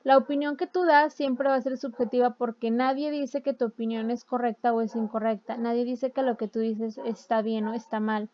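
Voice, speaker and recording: A woman's voice: fairly high pitch, steady tone, normal speed, hardly any pauses. A woman teacher explains a lesson in a conversational way, with fillers and restarts. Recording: slightly dull lo-fi audio.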